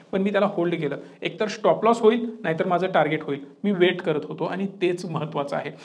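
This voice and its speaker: A man giving an emphatic, lecturing talk on trading, addressing viewers directly and mixing in English terms. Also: high voice. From Maharashtra, India. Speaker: trading educator.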